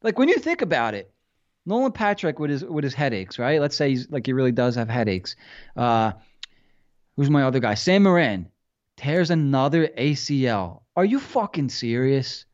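A man's voice: mid-range voice, very animated, moderate pace, lo-fi sound. A man co-hosting a podcast, venting in casual sports chat with exasperated rhetorical questions and heavy swearing. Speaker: podcast co-host.

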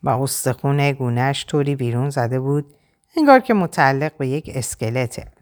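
A woman narrates an audiobook with a low voice that moves widely in pitch. Her reading is expressive and dramatic, and she leans into the tense moments of the story.

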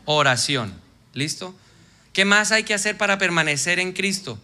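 A man preaching as pastor to a congregation, lively, acting out quoted voices and dropping to soft, intense tones. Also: high voice, normal speed, some chatter behind. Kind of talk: sermon.

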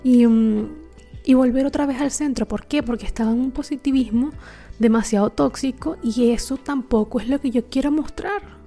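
A woman's voice: high voice, moderate pace, dark tone, soft background music. A woman telling a personal story to her viewers, reflective and confiding, with many fillers. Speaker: vlogger.

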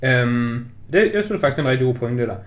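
A man with a Danish accent talks casually as a podcast co-host. His voice sits at an average male pitch, and he delivers his thoughts as informal film chat. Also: lively intonation, narrow, tinny audio.

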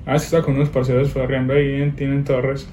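Young man, animated slangy storyteller, mellow tone, faint hiss. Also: quick pace, reverberant. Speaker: guest. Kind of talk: casual chat. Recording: noisy low-quality recording.

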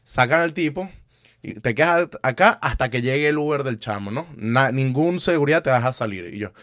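Animated young man telling a story. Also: mid-range voice, normal speed, dry recording, studio quality. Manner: animated, acts out quotes. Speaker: storyteller in group chat. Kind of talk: casual chat.

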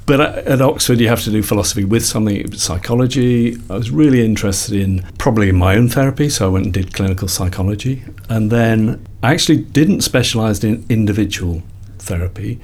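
Reflective older man, low voice. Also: a little fast, hardly any pauses, a little mellow. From Liverpool, England. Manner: reflective, rambling storyteller with frequent self-corrections. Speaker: guest, company founder and psychologist. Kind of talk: casual interview conversation.

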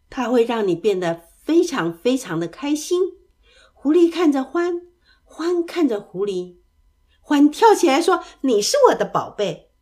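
A woman narrating a children's bedtime story in a soft, expressive voice. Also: medium pitch.

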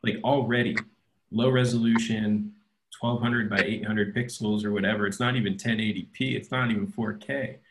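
A man with a fairly low voice hosts a relaxed podcast conversation. He explains his ideas in long, winding stretches and keeps checking in with his listeners as he goes. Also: normal speed, slight background noise, rough recording. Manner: explanatory, leans on tag questions. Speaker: podcast host. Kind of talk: casual chat.

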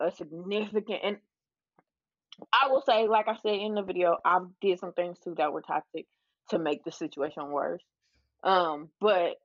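A woman guest chatting casually on a podcast, candid and quick to laugh, swearing freely. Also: fairly low pitch, no room sound, muffled recording. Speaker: guest, adult toy shop owner.

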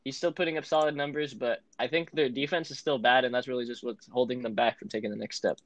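A man's voice: mid-range voice, fast talker, no room sound. A man co-hosting a casual sports podcast, easily steering the talk to the next team. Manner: relaxed, steering the segments. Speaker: podcast co-host.

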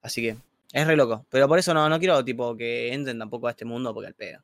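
A young man with a Rioplatense Argentine accent, talking in slangy, animated bursts on a livestream chat. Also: medium pitch, quick pace, dry recording. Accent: Rioplatense Spanish. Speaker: streamer guest. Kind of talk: casual chat on a stream.

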